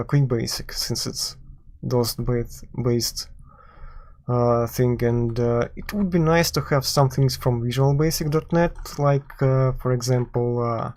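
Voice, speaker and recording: A man's voice: medium pitch, darkish tone. A man from Belarus with a Belarusian accent, live-streaming while he codes, talking hesitantly with many filler sounds. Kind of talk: live-streamed coding commentary. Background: keyboard typing and clicking.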